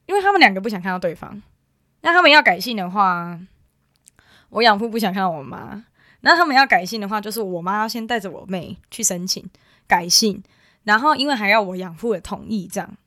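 A woman's voice: medium pitch, animated, brisk, bright, forceful tone, no echo, studio quality. A young woman from Taiwan telling a personal family story in casual chat, rambling with many fillers and restarts. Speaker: guest.

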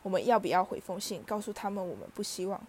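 A woman's voice: medium pitch, very animated, fast, darkish tone, a little hiss or hum, close to an everyday voice. A woman voicing a frightened middle-aged aunt with a trembling, anxious voice in a storybook reading.

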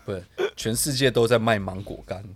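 A man's voice: lowish voice, moderate pace, no room sound. A man with a Taiwanese Mandarin accent, co-hosting a casual podcast chat, who mostly chimes in with short remarks and prompting questions. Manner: brief interjections, prompting questions. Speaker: podcast co-host.

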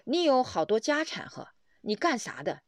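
A woman's voice: a little high, sing-song, moderate pace, dry recording, studio quality, voice pushed up. A woman voicing a stern old father who fires blunt, demanding questions in a retold story. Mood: questioning.

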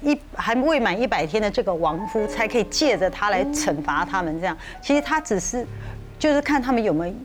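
Lively woman telling a ghost tale. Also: medium pitch, brisk, music in the background. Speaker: podcast co-host. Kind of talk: casual ghost-story telling.

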